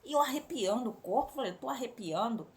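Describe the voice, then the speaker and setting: A church member with a Brazilian Portuguese accent gives a religious testimony to a congregation, frequently addressing them as brothers and sisters. Her voice is a little high and animated, and she speaks at a quick pace.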